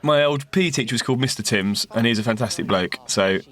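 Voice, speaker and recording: A man's voice: mid-range voice, fast talker, fairly bright tone. An English man co-writing a sitcom, chatting casually through an audio commentary and telling anecdotes with a self-deprecating humour. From England. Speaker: co-writer giving audio commentary.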